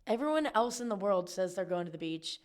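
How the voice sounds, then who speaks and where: A young woman from Georgia co-hosting a podcast in casual chat, relaxed and hedging, full of "like". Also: mid-range voice, fairly quick. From Georgia, United States. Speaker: podcast co-host.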